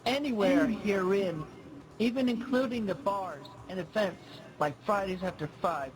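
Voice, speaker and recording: A man's voice: high-pitched, unhurried, poor audio. A man reading his own scripted personal narration in an earnest, pleading way, listing his traits one by one. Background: music.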